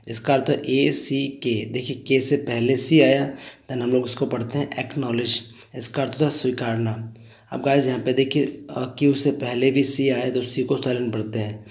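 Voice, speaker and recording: A man's voice: medium pitch, vocal fry, a little mellow, echoey room. A man teaching an English lesson in Hindi, spelling words letter by letter and saying "guys" often.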